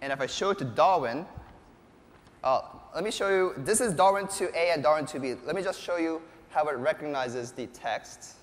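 A fairly high-pitched man in his thirties speaks at a normal pace while presenting a live keynote tech demonstration. The robotics researcher is an enthusiastic, animated showman on a large indoor conference stage, heard through a lapel mic in an echoey hall with long reverb.

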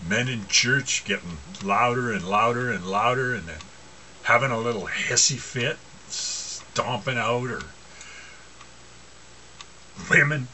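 A man's voice: mid-range voice, slow, long pauses, pushed and bright, a little hiss or hum. A man preaching an informal sermon, mocking and asking rhetorical questions, often laughing to himself.

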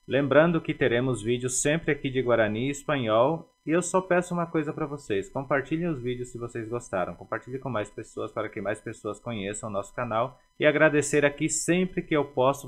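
A man teaching a language lesson, repeating words slowly and carefully to drill their pronunciation. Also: medium pitch.

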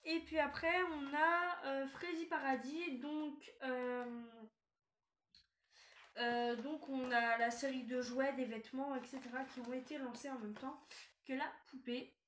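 A chatty woman reviewing a collectible doll magazine, her voice high and bright. She talks casually, stumbling and filling pauses as she goes. The recording is echoey with faint background noise. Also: steady tone. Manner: chatty, hesitant, many fillers.

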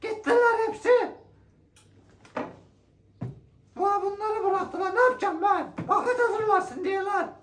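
Pakize, a woman playing a shrill, loud shop clerk. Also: normal speed, a little hiss or hum. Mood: grumbling. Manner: shouty, rude, drawling. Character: loud blunt clumsy female shop worker. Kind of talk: comedy sketch. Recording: echoey room.

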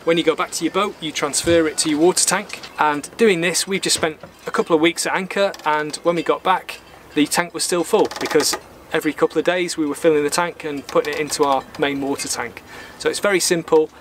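Speaking fairly quickly with mostly even intonation, this sailing vlogger has a voice on the high side. He's a man in his thirties, explaining things in plain terms to the camera while aboard a small boat in a marina, with outdoor harbor noise behind him.

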